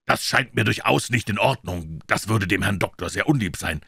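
A man voicing a reserved, skeptical lawyer in a storybook, speaking in a measured way. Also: fairly low pitch, lively intonation, vocal fry, sharp tone, slightly rough, no room sound, clean studio sound, heavily acted. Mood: doubtful. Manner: measured, doubtful. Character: skeptical middle-aged male lawyer, reserved, sober.

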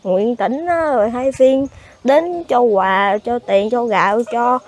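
A pregnant woman with a Southern Vietnamese accent answers interview questions in a halting way, often repeating words as she recounts. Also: a little high, darkish tone. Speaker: fire victim being interviewed.

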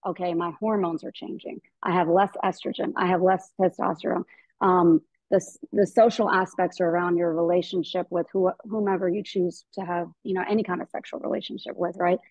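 A woman's voice: lowish voice, fairly even intonation, brisk, a little mellow, no echo. Earnest woman gynecologist on a video call. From American South. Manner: earnest, thinking aloud with many fillers and restarts. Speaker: gynecologist guest. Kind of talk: webinar interview. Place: indoor room at home. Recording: dull dry video call audio.

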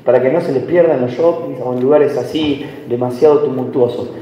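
A man's voice: medium pitch, steady tone, brisk, muffled recording, a little hiss or hum. A man with an Argentine accent preaching a sermon, telling stories with light humor and asking the congregation questions. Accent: Argentine Spanish. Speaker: visiting pastor. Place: church hall. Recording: echoey hall from far off.

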